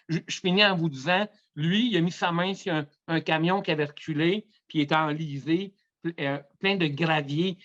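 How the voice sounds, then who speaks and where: A man's voice: on the high side, dull audio. A man in his fifties with a Quebec French accent, telling rambling spiritual stories in a casual talk. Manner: rambling, animated storyteller. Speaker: guest.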